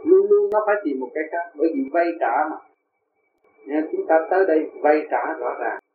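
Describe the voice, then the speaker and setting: A man's voice: on the high side, normal speed. A man giving a spoken dharma talk. He tells folksy parables and keeps asking his listeners to see the point. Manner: folksy storytelling, asks "see?" often. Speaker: spiritual teacher. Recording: tinny echoey old tape with hiss.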